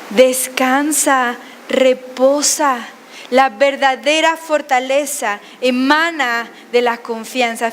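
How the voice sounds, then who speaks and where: A woman preaches in a high, animated voice. She keeps asking the congregation questions. Faint noise sits behind her. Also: big-room sound. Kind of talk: sermon.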